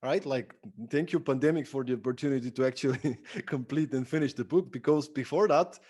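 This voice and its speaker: Brisk and mellow, the mid-range voice of a Bulgarian entrepreneur and productivity speaker carries his podcast answers. He's conversational, enthusiastic and emphatic as an interview guest.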